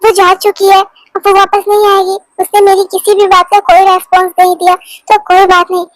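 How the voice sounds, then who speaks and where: A heartbroken young guy begging his girlfriend not to leave, stammery, super high flat voice. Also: brisk, no room sound, low-quality recording. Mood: resigned. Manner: pleading, stammering repeats. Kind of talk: Hindi fan dub of a romance story.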